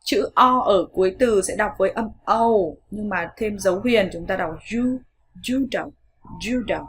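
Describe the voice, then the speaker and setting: A Vietnamese-speaking woman teaching English pronunciation in an online lesson, modeling each sound slowly and repeating words for learners. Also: medium pitch, a bit bright, slight background noise. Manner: slow, clear modeling of sounds with repetitions.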